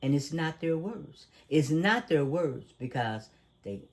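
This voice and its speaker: A man's voice: fairly high pitch, sing-song, takes it slowly. Guy hosting a talk show, emphatic, kinda preachy, keeps asking leading questions. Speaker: podcast host. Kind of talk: casual conversational commentary.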